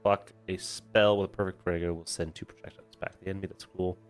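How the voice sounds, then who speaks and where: Over game music, a video game streamer with a deep voice gives fast, flat-toned live playthrough commentary. He thinks aloud casually and playfully repeats phrases.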